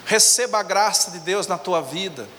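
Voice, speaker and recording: High, bright-voiced preacher in a hall. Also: male voice, lively intonation, normal speed, a little hiss or hum. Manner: preaching, acts out quoted voices in a low hush. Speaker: pastor. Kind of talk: sermon with storytelling. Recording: echoey hall with faint ambience.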